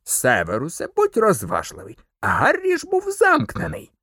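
A man's voice: medium pitch, huge pitch swings, moderate pace, darkish tone, dry recording, studio quality. A man voicing a flustered, blustering male official who grumbles and barks in an audiobook. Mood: worried. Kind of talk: audiobook character voice.

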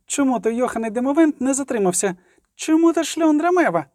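A man voicing a hot-tempered young sorceress who shouts crude, agitated questions. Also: very high voice, expressive, fast talker, dry recording, studio quality, voice pushed up. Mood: furious. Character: fiery, foul-mouthed young sorceress.

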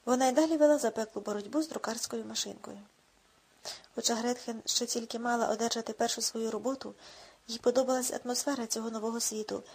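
Husky woman reading a novel aloud. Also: on the high side, a little mellow. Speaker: narrator. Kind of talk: audiobook narration.

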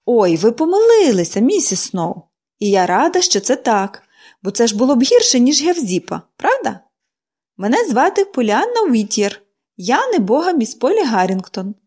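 A woman's voice: fairly high pitch, sing-song, moderate pace, a little mellow, breathy edge. A woman voicing a bubbly chatty little girl. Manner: eager, bubbly, talkative.

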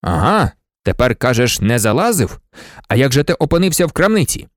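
A man reading an audiobook, voicing a stern, impatient policeman who talks in a brisk, scolding, sarcastic way. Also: medium pitch, sing-song, no room sound, clean studio sound, natural voice. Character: gruff stern male policeman, mocking and impatient.

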